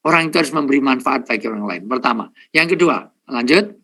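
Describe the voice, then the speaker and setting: A man's voice: mid-range voice, expressive, fast, sharp tone. A middle-aged man preaching a humorous sermon to a live audience, joking, speaking to listeners directly and counting off his points. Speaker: Islamic preacher.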